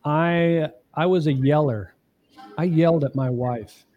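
A man's voice: a little high, a little slow, narrow, tinny audio. A middle-aged man, a marriage coach guesting on a podcast interview, explaining things step by step in an earnest, emphatic way. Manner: emphatic, often asks the listener "okay?".

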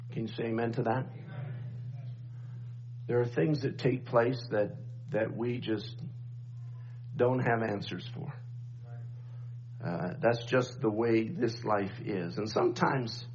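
Middle-aged guy preaching at a pulpit mic, keeps asking for amens, kinda muffled sound. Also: medium pitch. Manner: preaching with repeated refrains and calls for amen. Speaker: pastor. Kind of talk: sermon. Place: church sanctuary, at a pulpit microphone. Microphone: pulpit microphone. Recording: dull church recording with faint hum.

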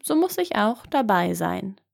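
A woman's voice: medium pitch, very animated, a little slow, gravelly, full character voice. A woman doing a cocky fearless young man. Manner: bold, offhand and unimpressed.

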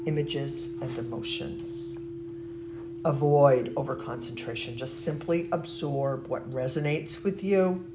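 Very slow, soothing meditation guide, muffled recording. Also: mid-range voice. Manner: soothing, gentle, deliberate with long pauses. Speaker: yoga nidra instructor. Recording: muffled, noisy recording with steady humming tone.

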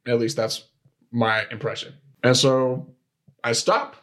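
A man's voice: mid-range voice, steady tone, slow pace, a bit bright. Rambling young man telling a story. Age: young adult. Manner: rambling, with frequent restarts and "like" fillers. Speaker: podcast guest. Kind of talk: casual storytelling.

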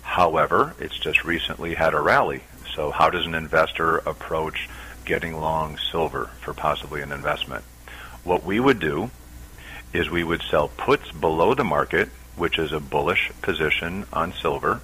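A middle-aged man, a commodity options trader, explaining his strategy as a guest on a radio interview, steady with frequent "uh" pauses. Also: a bass voice, breathy edge, low-quality recording.

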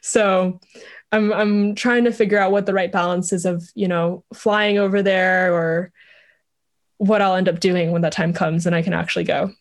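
A woman's voice: on the low side, steady tone, moderate pace. A young woman from Vietnam, a startup co-founder, chatting casually as an interview guest, with frequent laughs and fillers.

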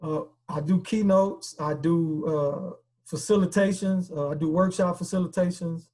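A man with a high, husky voice speaks as a podcast guest. He talks earnestly and loosely, looping back with fillers and repeated words. The tone stays conversational throughout. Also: fairly even intonation, normal speed, mellow.

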